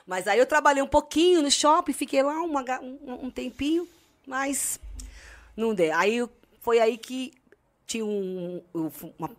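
A woman from Santos, a podcast guest telling stories in casual chat and acting out the other people's lines. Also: a little high. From Santos, Brazil. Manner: lively, acts out the voices of people in her stories.

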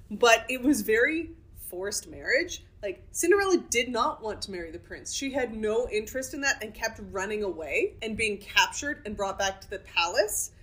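A woman's voice: a little high, a bit bright. A woman co-hosting a casual podcast, chatting about the history of fairy tales with blunt opinions. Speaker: podcast co-host.

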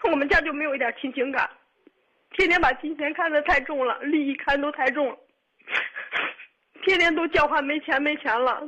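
Tearful young woman calling in, high bright voice. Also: low-quality recording. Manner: halting, repetitive, restarts often. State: tearful, upset. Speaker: caller. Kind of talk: radio call-in.

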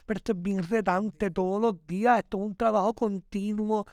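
A man's voice: high voice, fairly even intonation, normal speed, darkish tone, dry recording. A man, a podcast guest giving emphatic, preachy motivational talk. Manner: emphatic, preachy, dramatic, addresses listener as "mi amor".

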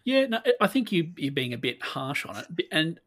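Man co-host, husky voice, contrarian and teasing, casual review chat. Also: a little high, sing-song, a little fast, fairly bright tone. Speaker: podcast co-host.

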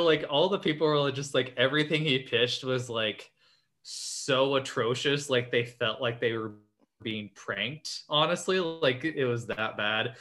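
A young man chatting on a podcast, rambling through a story with "like" scattered everywhere. His voice is bright and forward, and his pitch sits in an ordinary middle range. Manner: rambling storyteller, heavy use of "like". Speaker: podcast host. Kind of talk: casual chat.

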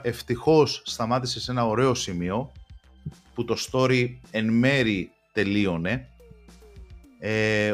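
A young man, co-hosting a podcast and chatting casually about TV series, with a rambling way of talking full of restarts. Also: medium pitch. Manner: rambling, many restarts and fillers. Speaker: podcast co-host.

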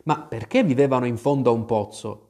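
A man's voice: medium pitch, brisk, a little mellow, natural voice. A man voicing a curious, polite young girl in a storybook reading, asking earnest questions.

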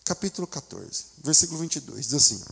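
A high, gravelly, husky male voice with a Brazilian Portuguese accent, preaching from the pulpit. He drops to quiet, confiding asides and then climbs to loud, fervent cries, putting on the voices of the people he tells about. A long reverb from the church hall trails each phrase. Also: animated, fast talker. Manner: acts out voices of church members and a desperate mother. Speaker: pastor. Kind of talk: sermon.

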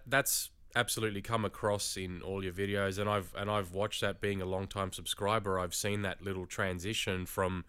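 A man hosting a casual interview in an encouraging, conversational way with a smooth, clear voice. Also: low-pitched, level tone, moderate pace, few pauses, bright, forceful tone, no echo. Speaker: host interviewing a YouTuber.

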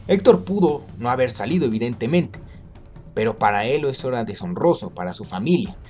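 A man retelling an ancient epic in casual, slangy, lively narration. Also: mid-range voice. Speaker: storyteller.

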